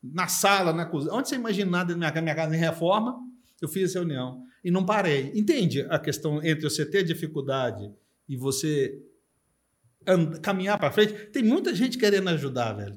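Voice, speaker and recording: A middle-aged man from Brazil telling his own story in casual podcast chat, emphatic, asking "you know?" after his points. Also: sits high. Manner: emphatic, fillers like "cara" and "entendeu".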